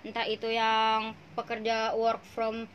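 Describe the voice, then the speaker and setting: A woman's voice: fairly high pitch, completely flat delivery, slow pace, slight background noise. A young woman hosting a casual podcast, playful and slangy, laughing often. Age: young adult. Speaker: podcast host.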